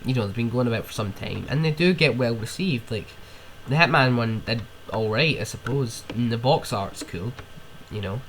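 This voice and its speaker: This solo podcast host is a young man with a cold whose casual rant wanders, punctuated by sniffs and curses. His medium-pitched voice is animated and fairly bright at a normal speed, over a little hiss or hum.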